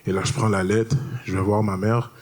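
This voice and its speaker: A man's voice: lowish voice, level tone, brisk, a little mellow. Young man doing slangy stand-up. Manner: casual slangy storytelling, explains to the crowd. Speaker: stand-up comedian. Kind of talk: stand-up routine. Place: comedy stage.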